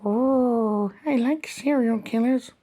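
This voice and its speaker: A woman's voice: fairly high pitch, slow, dark tone. A woman in comic banter playing an eager, childlike servant, deferential yet teasing.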